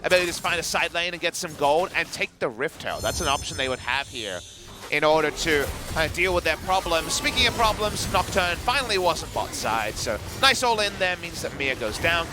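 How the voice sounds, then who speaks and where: Casting: male esports analyst, lively swinging pitch, fairly high voice, strategic and dry, music behind. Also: brisk. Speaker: esports caster. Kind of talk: color commentary.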